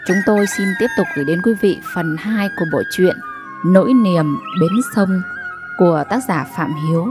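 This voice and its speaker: Woman reading a bedtime story smooth and steady, soft music playing under her. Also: medium pitch. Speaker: audiobook narrator. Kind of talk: scripted story narration.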